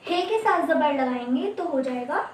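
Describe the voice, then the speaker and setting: A high-voiced woman teaches a casual language lesson, patiently drilling letter sounds one at a time. She is recorded in an echoey room with a faint hiss of background noise. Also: animated, moderate pace.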